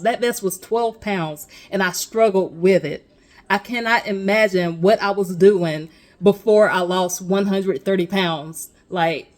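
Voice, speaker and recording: A woman with a lilt chats casually to her camera. She talks her viewers through things in an encouraging, emphatic way, with plenty of asides. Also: mid-range voice. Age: adult with a child. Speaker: vlogger.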